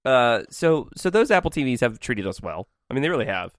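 A man's voice: mid-range voice, sing-song, fairly quick, dry recording, clean studio sound. A man co-hosting a podcast, chatting casually, joking and swearing, laughing often. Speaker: podcast co-host. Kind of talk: casual chat.

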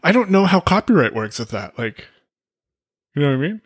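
A man co-hosting a casual tech podcast, chatty and quick to laugh. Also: on the high side, sing-song, breathy edge, no room sound, clean studio sound. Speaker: podcast co-host. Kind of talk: casual chat.

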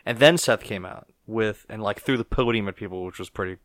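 A man's voice: on the low side, brisk, fairly bright tone, no room sound, clean studio sound. Opinionated man chatting casually. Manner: rambling, opinionated, acts out quotes. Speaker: podcast co-host. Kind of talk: casual wrestling chat.

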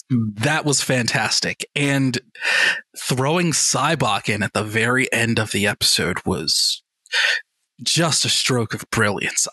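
A man with a medium-pitched voice co-hosts a podcast, chatting casually and enthusiastically, animated and often repeating words. The recording is dry.

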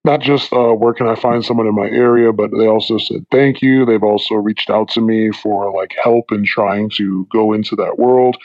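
A man's voice: lowish voice, steady tone, normal speed, hardly any pauses, darkish tone, no room sound. A man speaking as a podcast guest with his voice disguised for anonymity, talking frankly and plainly. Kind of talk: casual chat. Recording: dull lo-fi dry sound.

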